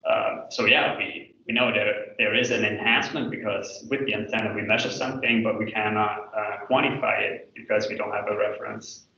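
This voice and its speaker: A man gives a hesitant, hedging academic thesis presentation over a video call, in a very echoey room and far from the microphone. His voice is low and slightly gravelly, with halting explanations. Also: steady tone, pushed and bright. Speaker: PhD candidate presenting thesis defense. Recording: echoey room, distant mic, dull video-call sound.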